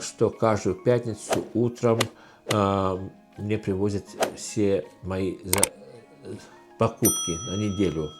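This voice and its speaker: Hosting his question-and-answer vlog, this middle-aged man from Estonia speaks in a relaxed way, his Estonian accent clear. He stumbles through many fillers and restarts, and his voice sits lowish with a slight mellowness.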